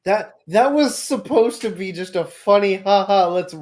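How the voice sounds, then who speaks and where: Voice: mid-range voice, lively intonation, measured pace, darkish tone. A game master explaining the rules and narrating a tabletop game, hesitant, with many ums.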